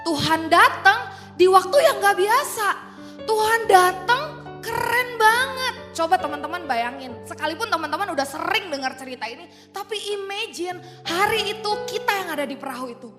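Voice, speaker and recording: A woman preaching an animated, playful online youth sermon. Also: extremely high pitch, moderate pace. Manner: animated, playful, mixes in English phrases. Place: online church service in a large hall. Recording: reverberant hall with faint music.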